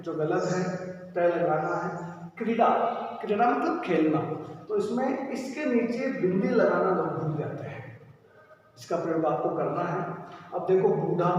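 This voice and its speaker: A man's voice: high-pitched, a little hiss or hum. A man teaching a Hindi spelling lesson, explaining each word step by step and repeating the correct form. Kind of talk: classroom-style spelling lesson. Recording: echoey room, distant mic, faint ambience.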